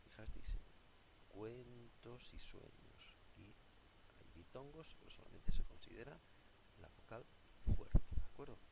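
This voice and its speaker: A man's voice: medium pitch, expressive, a little slow, creaky. A man teaching a recorded lesson, explaining a worksheet patiently and often checking in with his pupils. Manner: patient, often asks "¿de acuerdo?". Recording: loud background noise with clicks.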